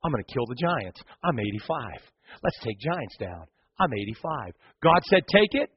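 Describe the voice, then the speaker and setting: A man voicing an 85-year-old male warrior who speaks in low, quiet, determined declarations. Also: sing-song, normal speed, slightly rough, highs cut off. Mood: resolute.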